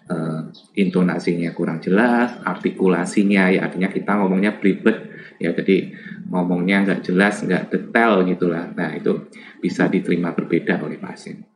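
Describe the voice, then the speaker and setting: A very deep-voiced man talks through a lecture in a relaxed, chatty way, dotting his points with little fillers and tag questions. There is a noticeable noise bed under the voice. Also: normal speed. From Java, Indonesia. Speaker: lecturer on lab communication. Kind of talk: informal lecture.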